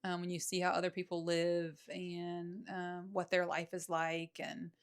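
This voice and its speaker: A woman with a Southern accent speaks as a podcast guest, reflective and unhurried, often pausing on fillers. Her voice sits low and has a gravelly edge. She keeps her pitch fairly level throughout. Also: completely flat delivery. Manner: reflective, hesitant, many fillers. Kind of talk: casual conversation.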